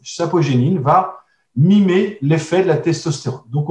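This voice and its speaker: A man's voice: fairly high pitch, a little mellow. Man teaching from slides in a roomy echo. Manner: explanatory, many hesitations and restarts, asides to listeners. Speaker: trainer teaching a course on herbal medicine. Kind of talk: recorded online lesson with slides. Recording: echoey room, voice a bit distant.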